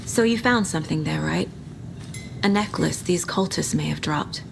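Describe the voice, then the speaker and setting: An actress playing a composed, businesslike investigator in a video game, speaking in a measured, matter-of-fact way. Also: female voice, fairly low pitch, gravelly, noisy background. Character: composed, businesslike female investigator on a murder case. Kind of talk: video game character acting.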